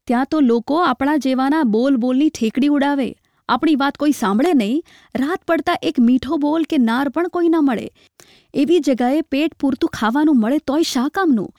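A woman reading a story aloud, voicing a poor, starving village man who is proud, bitter and quick to lash out in scornful outbursts. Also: high voice, mellow, dry recording, studio quality.

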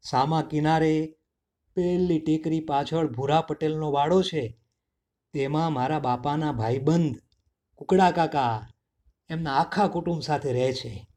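A clever little mouse boy, as a man puts him on in a storybook reading. His voice rides a bit high and eager, pleading and excited. The delivery is unhurried. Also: lightly acted.

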